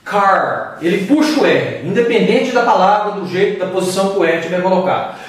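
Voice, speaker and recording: A Brazilian man gives a casual English pronunciation lesson, his voice sitting high. He explains slowly and pauses to demonstrate sounds. The sound is distant, with heavy room echo around it. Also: slight background noise. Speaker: English teacher. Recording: very echoey room, far from the mic.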